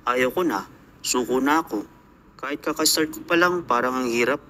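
A man's voice: mid-range voice, moderate pace, bright, forceful tone, a little hiss or hum. A young Filipino man, an overseas worker, telling his life story in a reflective, earnest voice-over. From Philippines.

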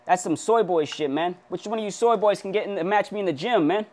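Fast and high-pitched, with a darkish tone, a young man mocks strangers on a random video chat. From his small pink-walled bedroom, he acts tough and teasing, boasting like a gym bro.

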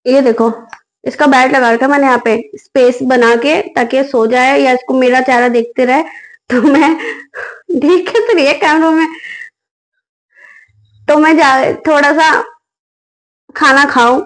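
A young mother with a high, light voice vlogs at home late at night. She is hungry and worn out and talks to the camera in a weary, frustrated way, recorded on a phone on a tripod. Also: steady tone, unhurried, long pauses, poor audio. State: hungry and tired. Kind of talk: casual home vlog. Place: home bedroom and kitchen at night.

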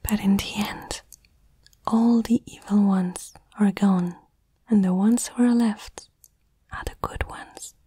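Slow and steady in tone, a medium-pitched woman delivers a soft, breathy whisper right up against the microphone. She's doing a tender ASMR comfort roleplay meant to reassure.

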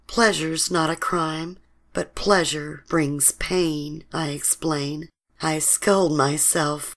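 Woman narrator for a romance audiobook, low voice, slow and sensual delivery. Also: fairly bright tone.

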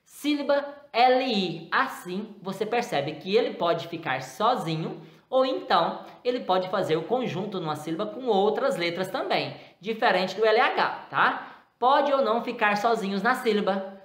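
A woman teaches a recorded grammar lesson to children. She speaks at a middle pitch, patiently explains each example and keeps checking that the class follows. The voice carries a noticeable echo from the room around her. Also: expressive, moderate pace.

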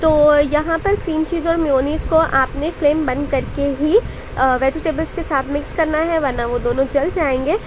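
A woman's voice: sits high, steady tone, moderate pace, noisy background. A woman hosting a cooking channel, narrating a recipe step by step in a voice-over with friendly tips for viewers.

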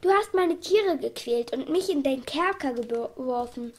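A woman's voice: high-pitched, animated, moderate pace, darkish tone. A woman voicing a kind and brave male animal doctor who speaks firmly and earnestly. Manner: firm, earnest.

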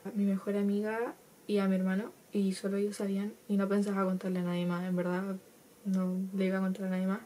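A woman's voice: mid-range voice, warm tone. Chilean teen girl just chatting to her camera, laughs a lot, faint room hum behind. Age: teenager, 15. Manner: chatty, laughs often, acts out quotes. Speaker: vlogger. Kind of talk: casual storytelling to camera.

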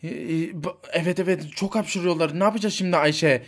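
A man's voice: high-pitched, brisk. A man voicing a flustered, panicky father in a toy figure story, repeating himself. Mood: anxious.

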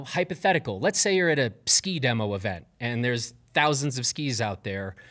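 A man's voice: mid-range voice, a bit bright. A man moderating a live panel, introducing guests in a loose, upbeat way with plenty of fillers, seated at a table on stage. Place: stage before a live audience.

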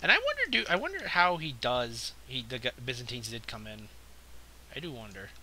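A man's voice: medium pitch, very animated, fairly quick, pushed and bright, a little hiss or hum. A young man talking casually over a strategy game he is playing, swearing and griping at the game. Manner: swearing, exasperated outbursts at the game. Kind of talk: casual gameplay commentary.

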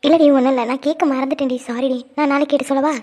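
A woman voicing a lovestruck, anxious young woman in a cartoon who hides her feelings and talks in a quick, chatty, defensive way. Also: high-pitched, steady tone, mellow, natural voice. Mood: lively. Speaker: cartoon character. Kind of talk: cartoon voice acting.

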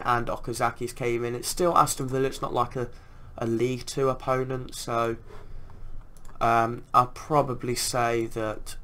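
A man's voice: medium pitch, fairly bright tone. A man giving casual commentary on a video game as he plays. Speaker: gaming video creator.

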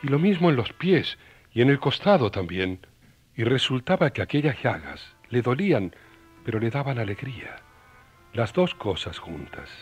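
An actor narrating a religious radio serial in a folksy, old-style storytelling manner. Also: male voice, medium pitch, sing-song, moderate pace, husky, faint music behind.

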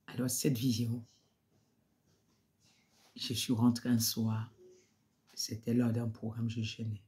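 A woman's voice: a bass voice, level tone, slow, mellow. A woman giving an emotional spoken testimony in church, repeating phrases and sometimes dropping to a near-whisper.

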